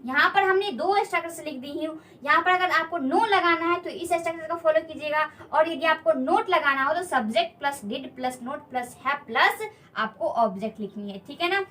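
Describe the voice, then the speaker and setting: A woman's voice: high voice, fairly bright tone. A woman teaching a spoken English lesson at a board, patiently repeating key points and asking learners questions.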